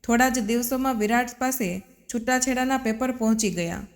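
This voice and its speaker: A woman narrating a family story in a measured, dramatic storytelling manner. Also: a little high. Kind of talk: scripted narration. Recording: long reverb.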